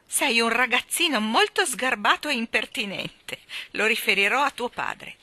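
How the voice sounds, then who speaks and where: A woman voicing a stern, domineering old spinster who scolds in a booming voice. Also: very animated, moderate pace, bright, forceful tone, no echo, heavily acted. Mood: scolding.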